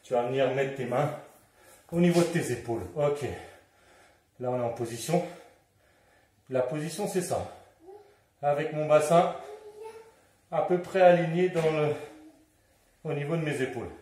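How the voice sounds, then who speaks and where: A man's voice: fairly high pitch, normal speed, long pauses, mellow. A man teaching a home workout, coaching and encouraging, slightly out of breath as he exercises along. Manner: encouraging, counts down and coaches moves while exercising. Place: room at home. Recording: very echoey room, mic far off.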